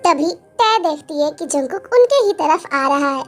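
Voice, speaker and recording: A woman's voice: high-pitched, lively intonation, moderate pace, faint music behind. A woman narrating a fan-dubbed drama in plain storytelling style.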